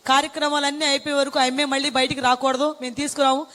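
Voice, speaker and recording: Brief: very high-pitched, fast-talking woman, tearful dramatic testimony. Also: level tone, fairly bright tone, long reverb tail. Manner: tearful, dramatic retelling with quoted dialogue. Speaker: testimony speaker. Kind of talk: emotional personal testimony.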